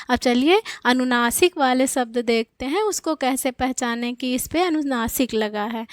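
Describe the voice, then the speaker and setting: A woman teaching a Hindi grammar lesson to children, patient and slow, repeating each example word. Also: high voice, smooth, no room sound, studio quality.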